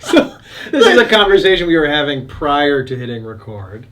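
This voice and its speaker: A man's voice: on the high side, sing-song, normal speed, a bit bright. A man co-hosting a casual church chat, telling stories in an easygoing way and laughing often. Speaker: church podcast co-host.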